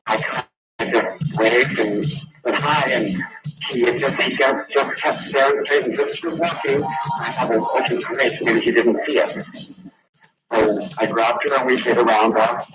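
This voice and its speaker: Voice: mid-range voice, fairly even intonation, unhurried, recorded from a distance, very noisy. Radio phone-in caller, casual conversational storyteller, heard over a broadcast phone line.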